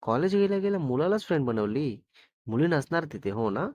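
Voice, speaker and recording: A man's voice: on the high side, big pitch swings, brisk, darkish tone, no echo, muffled recording. A man voicing a stern, suspicious middle-aged mother in a spoken storybook, scolding and sarcastic.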